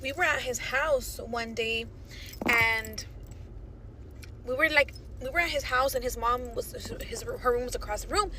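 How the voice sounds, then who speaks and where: Chatty woman with a slightly high voice. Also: a little slow, sharp tone, a little hiss or hum, poor audio. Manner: conversational, self-correcting. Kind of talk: casual storytime vlog.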